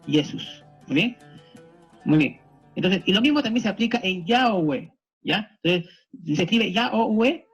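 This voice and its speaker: A high-pitched man, checking in after almost every point. The audio is dull and lo-fi, with faint music behind. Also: husky. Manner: didactic, constantly checking in with the audience. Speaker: teacher. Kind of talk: recorded classroom explanation.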